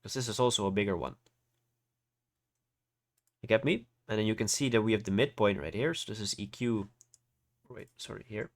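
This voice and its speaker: Speaking over an online livestream, a trading host and teacher uses a fairly low voice at a moderate pace, pausing often. Hay fever has him congested. He keeps the tutorial casual and informal, frequently checking that people are following him.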